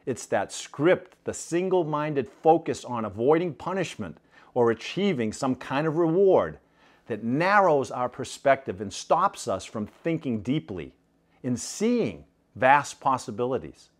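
Male speaker, storyteller, lively up-and-down delivery, chatty, mid pitch. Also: a little slow. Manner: animated, conversational, asks listeners "right?". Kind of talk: storytelling talk.

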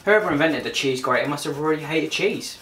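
Here a young adult man talks fairly quickly in a fairly high, fairly bright voice with lively intonation, narrating a cheeky, casual cooking vlog. He's filming indoors in a small home kitchen, the camera set a short distance away, its mic catching clear background noise.

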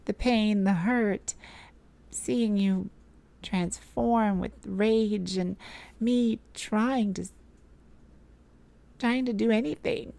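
In an emotional audio roleplay, a woman voices a mage who is tender and heartbroken but resolute. She speaks intimately and haltingly, with a pleading manner. Her medium-pitched, creaky, warm voice carries a wistful, tender mood.

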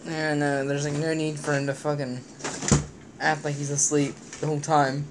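A man's voice: on the high side, flat delivery, moderate pace. A young man chatting casually and swearing freely on a handheld phone in a small room. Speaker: amateur home video maker. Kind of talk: casual chat. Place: small dim bedroom indoors. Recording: noisy handheld phone recording.

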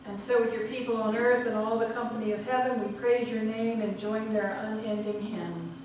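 A woman in her sixties leading church liturgy as pastor, speaking in measured, solemn short phrases with a cathedral-like echo. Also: fairly high pitch, fairly even intonation. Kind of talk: prayer and communion liturgy. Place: church sanctuary, indoors at the altar. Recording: very echoey church, distant mic, background noise.

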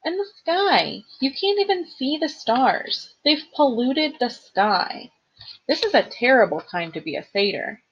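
An earnest young male satyr, put on by a woman reading aloud, speaks in a plaintive, emphatic way with a slightly husky edge. The audiobook recording sounds dull and lo-fi. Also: high-pitched, big pitch swings, a little slow, voice pushed up, exaggerated voice. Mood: sad.

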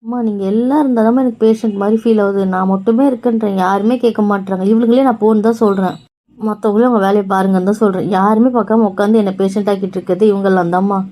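A woman's voice: medium pitch, steady tone, fast talker, warm tone. A woman playing a tired daughter who reassures her family in a scripted family drama. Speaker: sick daughter in a family web series.

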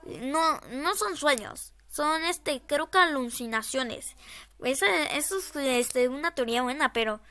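A woman's voice: high voice, a little slow, sharp tone. A woman horror game streamer giving casual, scared gameplay commentary, nervously repeating short phrases.

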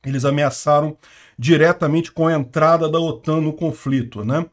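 A man hosts a news commentary on the war. His voice sits a little higher than most men's. He talks informally and bluntly, with strong opinions and frequent conversational tags. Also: steady tone, normal speed. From Brazil. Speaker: host of a war news channel. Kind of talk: news commentary over a map.

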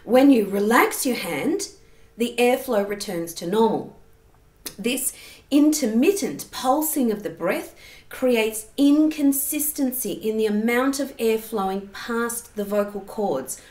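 A woman's voice: on the high side, lively intonation, takes it slowly, darkish tone. A woman giving a singing lesson, explaining technique and demonstrating sounds. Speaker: singing teacher. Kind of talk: vocal lesson. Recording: roomy echo.

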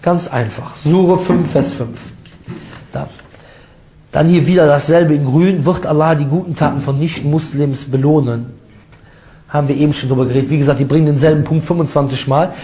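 A man giving an informal religious lecture that rebuts critics, lively and mocking, with ironic asides and quick laughs. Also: on the high side, slight background noise. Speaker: Islamic preacher. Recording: echoey room sound.

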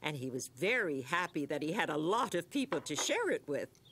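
An actress as a kindly storyteller, narrating a children's cartoon from a script. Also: female voice, low-pitched, sing-song, moderate pace, over music. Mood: storytelling.

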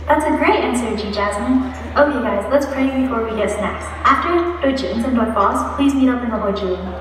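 A woman's voice: on the high side, normal speed, a crowd in the background, close to an everyday voice. A young woman playing a friendly, peacemaking youth-group leader in an amateur stage skit. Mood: cheerful, leading. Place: large event tent stage, distant camera. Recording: very echoey tent, far off, noisy.

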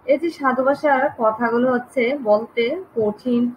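A woman teaching in a slow, dictating voice. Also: fairly high pitch. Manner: slow, deliberate dictation of examples. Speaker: assistant teacher. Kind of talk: online grammar lesson. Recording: dull lo-fi sound with faint noise.

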